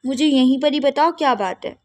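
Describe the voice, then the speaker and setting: A high-voiced young girl student who snaps back at a friend and will not be told what to do, as a woman voices her in a doll game role-play. She talks in indignant, clipped retorts. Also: brisk, darkish tone, lightly acted. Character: young female student, sharp and suspicious.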